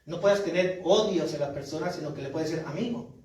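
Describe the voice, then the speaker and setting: A man's voice: on the high side, fast, a little mellow, slight background noise. A man preaching as a pastor, reading scripture aloud and often asking his congregation "¿verdad?". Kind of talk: sermon. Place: church hall. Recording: echoey church hall from far off.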